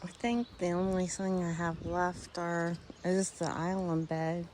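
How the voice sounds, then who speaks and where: A woman's voice: fairly low pitch, fairly even intonation, unhurried, a little mellow, a little hiss or hum. A woman giving a casual, rambling tour of her garden, musing aloud and trailing off mid-sentence. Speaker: garden vlogger. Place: outdoor garden.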